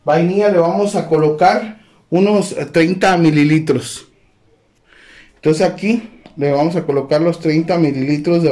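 High-voiced man teaching a home recipe. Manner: relaxed, many fillers, addresses viewers as friends. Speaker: cooking channel host. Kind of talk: home cooking demonstration. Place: home kitchen. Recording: echoey kitchen with faint noise.

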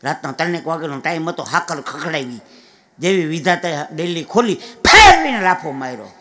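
High-voiced man telling jokes. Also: normal speed. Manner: lively joke-telling with asides to the audience. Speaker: folk comedian. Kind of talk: live dayro comic storytelling. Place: live stage event with an audience.

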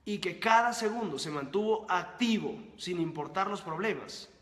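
High-voiced man giving an emphatic pep talk. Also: expressive, moderate pace, fairly bright tone. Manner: emphatic, repetitive rhetorical questions and lists. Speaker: host of a book-summary channel. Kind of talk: motivational monologue to camera. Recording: roomy echo with long reverb.

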